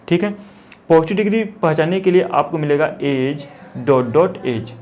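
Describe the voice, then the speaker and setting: A man teaches English grammar in a classroom-style lesson, his voice sitting a little high. He draws out each example word slowly and often stops to check whether the class is following. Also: darkish tone.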